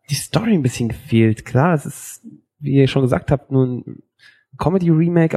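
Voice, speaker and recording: Male podcast co-host, husky, hesitant casual chat full of restarts. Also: medium pitch, dark tone.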